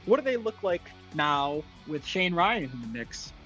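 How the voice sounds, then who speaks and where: Higher-voiced male play-by-play host. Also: very animated, a little slow, pushed and bright, faint music behind. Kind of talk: casual live sports commentary.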